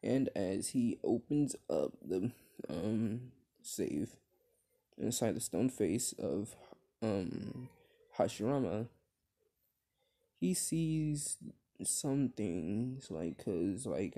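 A young man improvising a fan-fiction story out loud, rambling with many fillers and restarts. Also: mid-range voice, expressive, slow pace, long pauses.

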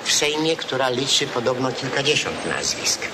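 A man giving unscripted, halting remarks to reporters, like a politician. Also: medium pitch, big pitch swings. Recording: very noisy location sound.

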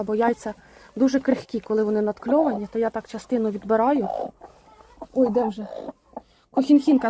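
A woman keeping a homestead, chatting casually while she coaxes and talks to her hens and geese in a poultry coop. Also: a little high. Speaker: homestead keeper. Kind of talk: casual farmyard vlog. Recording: noisy farmyard with clucking hens.

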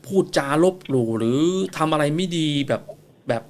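A man's voice: fairly high pitch, animated, normal speed, a little mellow. A man hosting a late-night ghost story call-in show, exclaiming often and firing off follow-up questions. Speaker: radio show host.

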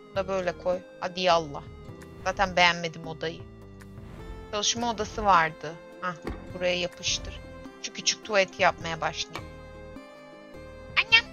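Young female streamer, 20s, bright voice, chatty and grumbly; lo-fi stream mic. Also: on the low side, lively intonation, normal speed, pauses often. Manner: chatty, exclaims and grumbles to herself while playing. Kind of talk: casual gameplay livestream chat. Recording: dull lo-fi stream audio with faint game music.

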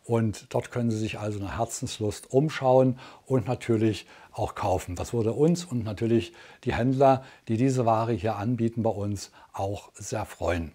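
A man's voice: fairly low pitch, measured pace, hardly any pauses, warm tone. A man in his sixties presenting products as a teleshopping host in a chatty, unscripted infomercial style, sometimes feeling his way through the items. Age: 60s. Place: indoor studio, standing at a product table.

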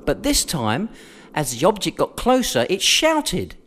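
A man narrating a children's audiobook in an expressive storytelling manner with dramatic pauses. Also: sits high. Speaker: voiceover artist.

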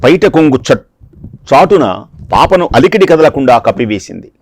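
A man's voice: mid-range voice, sing-song, normal speed, vocal fry, a little mellow. A man giving a devotional discourse, telling a scripture story dramatically and repeating phrases for emphasis. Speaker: discourse speaker.

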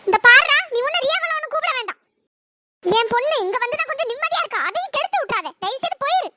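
A performer voicing a sharp-tongued, furious middle-aged mother in a cartoon, scolding and shouting. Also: extremely high pitch, expressive, quick pace, heavy background noise. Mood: angry scolding. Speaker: angry aunt. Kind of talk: pitched-up cartoon voice acting.

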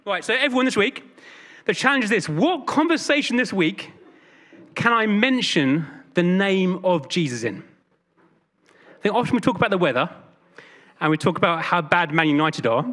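A man preaching a sermon in church, telling stories in a lively, chatty way with jokes and quick asides. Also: high voice. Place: church hall with congregation.

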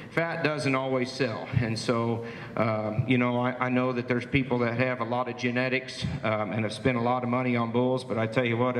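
A man's voice: medium pitch, a bit bright. A man giving a plainspoken presentation to cattle producers at a meeting, with lots of "uh" fillers. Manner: plainspoken, folksy, frequent "uh" fillers. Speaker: livestock auction market speaker. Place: meeting hall. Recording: roomy hall, long echo.

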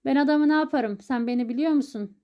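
A woman's voice: high-pitched, normal speed, lo-fi sound, close to an everyday voice. A woman voicing a flustered, indignant male tenant in an audiobook, blustering as he speaks.

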